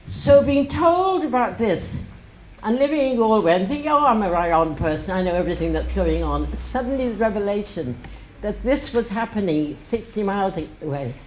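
An older woman's slightly high, darkish voice comes through a lectern stand mic at her bookshop book launch. Chatty and wry, she laughs between the passages she reads to the crowd standing indoors, and the low-quality audio has slight background noise.

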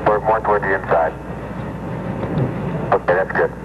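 Man, very deep voice, astronaut checklist calls over a crackly, static-drowned space radio transmission. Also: steady tone, normal speed. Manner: clipped, matter-of-fact checklist talk. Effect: crackly breaking-up space radio transmission. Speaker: astronaut on the lunar surface. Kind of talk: terse radio exchange with mission control. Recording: noisy muffled 1960s space radio link.

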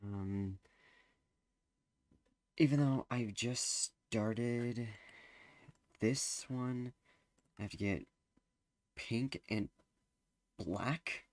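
A man's voice: medium pitch, drawn-out words, pauses often, dry recording. A teenage boy giving casual gameplay commentary, rambling and hesitant with lots of fillers. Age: teens. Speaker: gameplay streamer.

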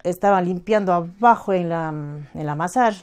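A middle-aged woman with a southern Andean Ecuadorian accent, giving personal testimony as a victim's mother, halting and emotional, full of reported speech. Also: lowish voice, a little mellow. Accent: southern Andean Ecuadorian Spanish, Azuay.

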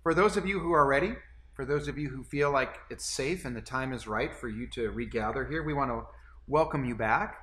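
A man's voice: medium pitch, a little fast, a bit bright. A man in his forties, a pastor, seated in a small room making an earnest church announcement to camera, with frequent restarts and repeated words.

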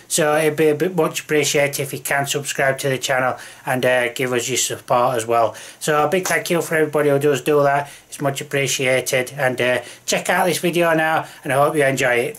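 A man's voice: medium pitch, steady tone, a little fast, few pauses, a bit bright. A man, a mobile DJ vlogging casually to camera from home, rambling with many ums and restarts. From England. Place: small room at home. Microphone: camera close to the face.

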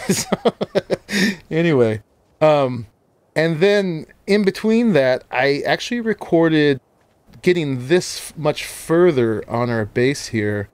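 A man's voice: mid-range voice, darkish tone, clear, resonant tone, no echo. A male game host chats his way through a survival build, breaking into laughter often. He explains his progress in a loose, friendly commentary style, as if talking to regular viewers. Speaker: game let's-play host. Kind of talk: casual gameplay commentary.

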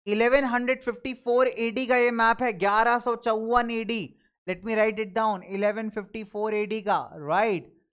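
Male teacher, online class lecture, animated, story examples, checking questions. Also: high-pitched, clean tone. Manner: animated, asks checking questions, tells everyday stories. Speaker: school teacher.

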